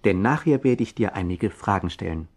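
A man's voice: lowish voice, expressive, fairly quick, darkish tone, husky. A man presenting a children's Bible program in scripted narration, instructing listeners directly.

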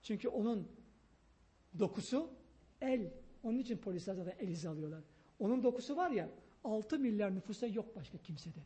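A man giving an emphatic, excitable sermon on parenting, pleading with his listeners in a loud voice. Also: high voice, fairly quick, slightly rough. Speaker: preacher.

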